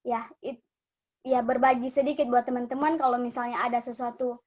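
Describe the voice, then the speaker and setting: A woman's voice: a little high, level tone, brisk, darkish tone. A young woman giving a personal testimony at a church cell group, earnest and emotional, often stopping to restart her sentences. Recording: dull lo-fi sound.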